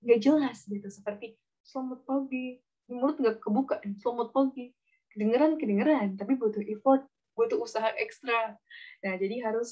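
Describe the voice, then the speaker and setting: Chatty woman teaching public speaking, lo-fi. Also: on the high side. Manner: chatty and lively, mixing in English words and acting out examples. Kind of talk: casual webinar lesson with spoken demonstrations. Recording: dull lo-fi online audio.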